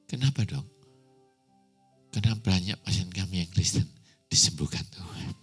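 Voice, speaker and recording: A man's voice: deep voice, expressive, normal speed, loud music behind the voice. A man preaching a sermon as pastor, telling a personal story with acted dialogue, close to tears.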